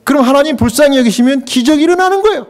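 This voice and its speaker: A man's voice: expressive, racing. A male pastor preaching a sermon, talking to the congregation in a conversational, emotional way and often putting questions to them. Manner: emotional preaching with sudden pitch leaps and acted quotes.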